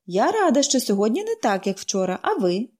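A woman's voice: a little high, big pitch swings, fairly quick. A woman playing a chirpy cheerful little girl. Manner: bright, eager, chirpy. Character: cheerful chatty young girl.

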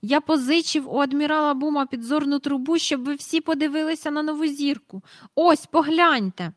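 A woman voicing an excitable middle-aged father who exclaims breathlessly in a storybook reading. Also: high voice, brisk, no room sound, studio quality, voice pushed up, lightly acted. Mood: excited.

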